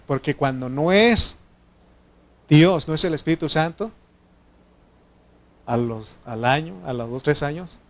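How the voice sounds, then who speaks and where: Man, pastor, teaching sermon, slightly higher voice, asks the church questions. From Mexico. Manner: teaching Bible study with frequent questions to the congregation.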